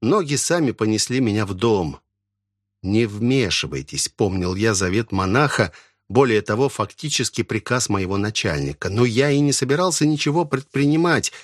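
A man reads a dark first-person tale with a lively, animated delivery at a mid pitch. The recording is close and dry, without any room echo. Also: fairly quick. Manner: expressive storytelling. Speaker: audiobook narrator. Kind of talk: first-person literary narration.

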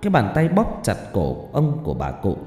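A man narrating a horror story in a dramatic way, swinging between tense and hushed delivery. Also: fairly low pitch, huge pitch swings, normal speed. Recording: heavy reverb, faint music behind.

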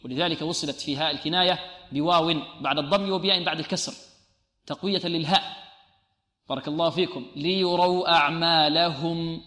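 A man's voice: on the high side, bright, forceful tone. Man teaching Quran recitation, echoey hall. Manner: explains rules, then drawls verses slowly; asks questions and answers them himself. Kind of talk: tajweed lesson with slow recitation.

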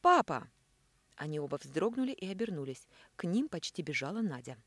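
Audiobook narrator, woman, low voice with lively swings. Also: fast talker, no echo. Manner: expressive, lively storytelling. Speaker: audiobook reader. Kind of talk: scripted narration.

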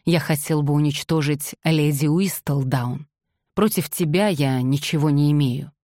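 A woman reading the curt, exasperated lines of a young gentleman in an audiobook. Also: low voice, measured pace, dry recording, clean studio sound.

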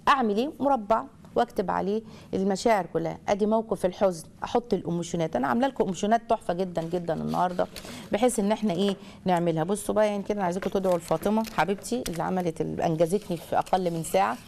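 Fast-talking Egyptian woman parenting host. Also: mid-range voice, creaky, slight background noise. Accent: Egyptian Arabic. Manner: animated, acts out children's and parents' lines. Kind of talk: lively advice talk to viewers.

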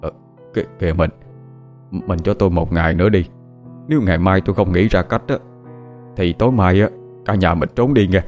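Male narrator as a downtrodden old husband, deep, quiet, faltering. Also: a little fast, pauses often, faint music behind, lightly acted. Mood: pleading. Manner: low, soft, hesitant pleading. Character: poor old tailor, gentle, despairing husband.

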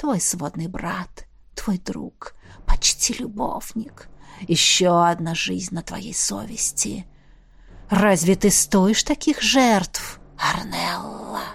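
A woman voicing a sinister spirit of chaos in a whispered role-play, taunting in a low hush. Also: takes it slowly, vocal fry, husky, full character voice. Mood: mournful taunt.

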